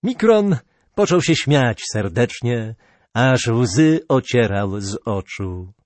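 A man reads an old legend aloud as an audiobook in a slow, measured way. His pitch rises and falls expressively. The recording is dry and close to the mic. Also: lively intonation, a little mellow, dry recording. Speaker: narrator.

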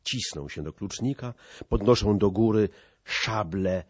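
A man narrating an epic poem in lively verse recitation, audiobook style. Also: on the low side, a little slow, dry recording.

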